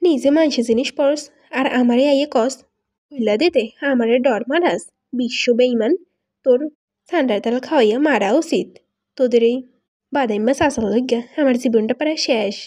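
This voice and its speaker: A stingy, foul-mouthed young husband, voiced by a woman reading the story in a high, mellow voice. He blusters and swears in coarse village dialect, quick to take offence. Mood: irritated. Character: cursing, stingy young man, newly married.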